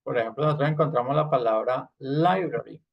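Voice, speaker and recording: A man's voice: mid-range voice, brisk, highs cut off. A man teaching an online English class, explaining patiently and checking in with frequent tag questions.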